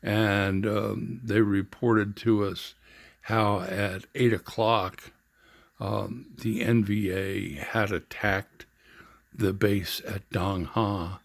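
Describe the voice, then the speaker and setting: An older man telling his own story in an earnest, halting way, with frequent pauses and fillers. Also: fairly low pitch, flat delivery, gravelly, dry recording, studio quality. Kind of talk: reflective personal storytelling.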